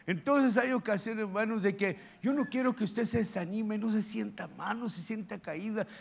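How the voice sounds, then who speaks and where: An older man, preaching a sermon as pastor, swinging between loud exhortation and soft, joking asides. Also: sits high, moderate pace, vocal fry.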